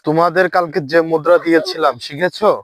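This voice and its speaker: A man's voice: a little high, steady tone, fast talker, no room sound. A man playing a strict dance teacher in a comedy skit, bossy and scolding, who chants the dance counts. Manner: scolding, bossy, threatens punishment.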